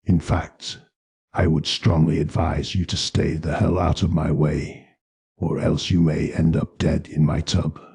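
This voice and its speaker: Guy doing a sneering killer hotel guest, super deep gravelly voice, taunting. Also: little pitch movement, a little slow, darkish tone, heavily acted. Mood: threatening. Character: mocking menacing male killer hotel guest.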